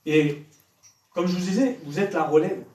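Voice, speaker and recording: Speaking at a moderate pace, a man with a high-pitched, slightly mellow voice preaches to young people and presses them with questions. This evangelist is in an echoing church hall, and the mic is far away.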